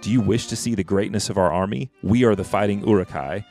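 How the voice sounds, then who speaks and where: A man's voice: fairly low pitch, fast, a little mellow, soft background music. A man voicing jeering, brutish orc warriors with taunting, boastful lines while reading a fantasy book aloud.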